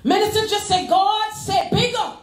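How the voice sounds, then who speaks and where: A woman associate pastor preaching a sermon, animated, with congregation call-and-response. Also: extremely high pitch, normal speed. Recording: echoey church sanctuary.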